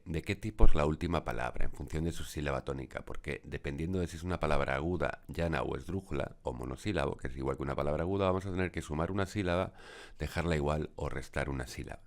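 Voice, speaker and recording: A man teaching a lesson over a screen recording, explaining step by step in a measured way with frequent hesitation fillers. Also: a bass voice.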